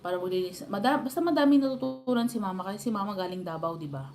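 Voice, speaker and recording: Quick-paced and expressive, this woman's medium-pitched, slightly mellow voice carries a Filipino accent as she tells family stories to live stream viewers and laughs frequently. Slight background noise is present.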